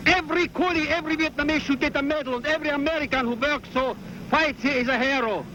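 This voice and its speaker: Man, hungarian accent, angry, berating, very high raised voice, loud street noise behind. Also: fast. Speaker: counter-protester. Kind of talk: street interview. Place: outdoor street protest.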